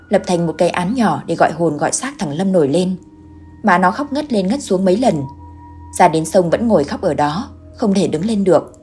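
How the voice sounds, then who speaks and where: A woman narrating a ghost story in a scripted storytelling style. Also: lowish voice. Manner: voices the characters with raised, louder delivery.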